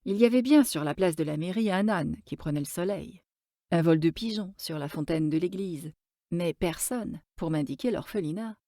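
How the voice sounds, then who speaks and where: A woman storyteller reading a classic tale aloud with gentle, expressive narration. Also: lowish voice, moderate pace, no echo, studio quality.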